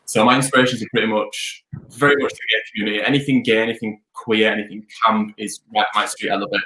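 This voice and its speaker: A man's voice: on the low side, level tone, quick pace, bright, forceful tone, slight background noise. A young man, chatting upbeat and rambling as a DJ guest on a video call. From Leeds, England. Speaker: DJ and music producer guest. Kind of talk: casual interview chat. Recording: echoey room over video call.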